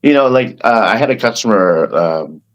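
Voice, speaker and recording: A man's voice: on the low side, animated, normal speed, muffled recording. A man from the Philippines, a restaurant founder talking earnestly as a podcast guest. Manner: earnest, with frequent restarts and fillers. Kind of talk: casual podcast interview.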